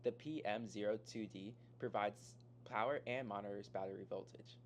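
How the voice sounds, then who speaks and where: Low-voiced teenage boy reading specs. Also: moderate pace, a little hiss or hum. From Florida. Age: teens. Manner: reads technical lists. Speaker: student presenter. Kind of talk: scripted project presentation.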